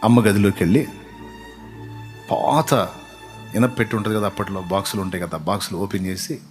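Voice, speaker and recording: A man preaching a sermon as pastor, telling stories and building to loud repeated appeals. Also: lowish voice, fairly even intonation, brisk, soft background music. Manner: storytelling that acts out quoted voices.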